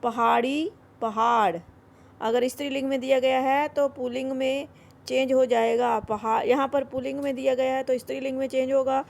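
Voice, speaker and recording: A woman's voice: high-pitched, little pitch movement, creaky. A woman teaching a Hindi grammar worksheet, repeating each word and drilling its correct form, with English words mixed in. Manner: repeats words slowly, then drills them. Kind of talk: explaining a school grammar worksheet.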